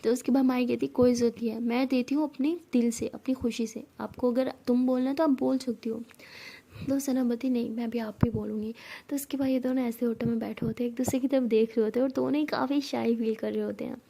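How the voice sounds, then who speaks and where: A young woman tells a college romance in a relaxed, chatty way, slipping English words in now and then. Her voice sits high but sounds mellow and warm rather than sharp. She speaks every character's lines herself in the same easy storytelling manner. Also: fast talker, creaky. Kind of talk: casual spoken storytelling, voicing each character's lines.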